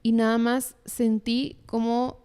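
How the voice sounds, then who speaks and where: Young woman from Mexico, podcast guest, smooth clear voice, earnest animated storytelling. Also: on the high side, takes it slowly. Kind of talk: casual testimony.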